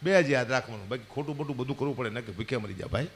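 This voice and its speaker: A man's voice: medium pitch, very fast. A man telling jokes as a folk comedian, chatty and teasing. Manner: chatty, teasing, punchline-driven. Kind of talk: stand-up storytelling at a folk gathering.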